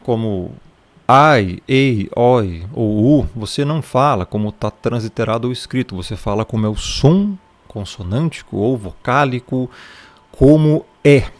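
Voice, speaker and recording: A man's voice: mid-range voice, expressive, normal speed, a little mellow. A man teaching a casual Bible lesson, explaining Greek pronunciation in a conversational way and repeating his points.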